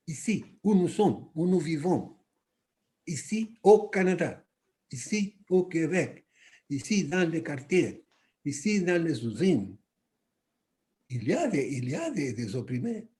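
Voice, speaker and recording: Speaking French that isn't his first language, this Latin American Spanish-accented man pauses to search for words and repeats himself while reflecting at a church workshop. His voice sits on the high side and sounds warm.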